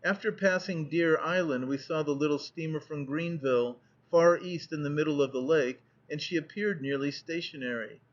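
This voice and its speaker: A man reading a nineteenth-century travel narrative aloud as an audiobook narrator, in a steady, measured way. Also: on the high side. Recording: dull lo-fi audiobook recording.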